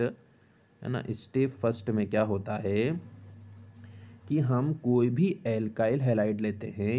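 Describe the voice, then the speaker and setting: A man's voice: on the low side, dark tone. A middle-aged man teaching a chemistry exam-prep lesson, explaining step by step and asking and answering his own questions, with short checks to the class.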